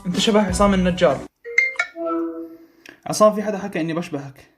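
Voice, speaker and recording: A man performing short comedy sketches, playful and bantering, at times soft-spoken. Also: high voice, quick pace. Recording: music playing behind the voice.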